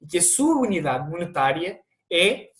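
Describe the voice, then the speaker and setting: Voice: medium pitch, very animated, moderate pace, a bit bright. A teacher with a European Portuguese accent, narrating an online language lesson and explaining things to viewers, with the odd restart.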